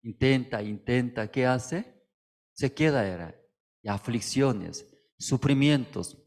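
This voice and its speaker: Un pastor predicando un sermón con frases sencillas y entrecortadas, muchos "mm" y preguntas retóricas al público. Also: male voice, medium pitch, darkish tone. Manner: halting, simple phrasing with frequent "mm" and rhetorical questions. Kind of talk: sermon. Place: church service, streamed online.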